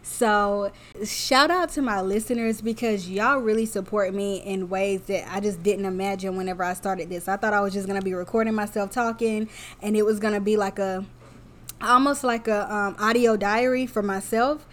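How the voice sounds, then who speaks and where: A woman's voice: mid-range voice, steady tone, normal speed. Heartfelt woman podcaster talking to listeners. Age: 30s. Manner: candid, heartfelt, addresses listeners as y'all. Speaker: podcast host. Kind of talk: solo podcast monologue.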